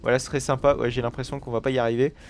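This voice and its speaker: A man talks through his building session in a game, explaining each choice as he goes. He keeps it chatty and loose, tossing in playful little sound effects between steps. His voice sits at an ordinary middle pitch, recorded close on a desk microphone. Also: flat delivery, very fast. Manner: chatty, self-narrating, fills with "voilà" and playful "hop hop" and "bam" sounds. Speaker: gaming video creator. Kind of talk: let's play commentary while building.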